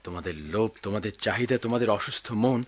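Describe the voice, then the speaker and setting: A weary, bitter middle-aged father in a 1990s radio drama, played by a man, with a very deep, low voice. He speaks with tired resentment and at times raises his voice in frustration. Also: fast, natural voice. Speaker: father of grown children.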